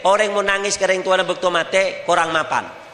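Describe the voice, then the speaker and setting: Man, Madurese accent, lively sermon, high voice, echoey hall. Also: moderate pace, slight background noise. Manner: emphatic, asks the crowd rhetorical questions. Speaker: preacher. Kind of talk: lively sermon to a women's gathering.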